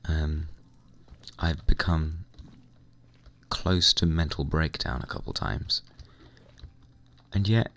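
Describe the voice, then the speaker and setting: A young man with a hoarse, croaky voice, chatting casually and rambling while playing a computer game. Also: very deep voice. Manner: rambling, chatty, mild swearing. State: hoarse, recovering lost voice. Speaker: gaming vlogger. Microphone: desk microphone at computer.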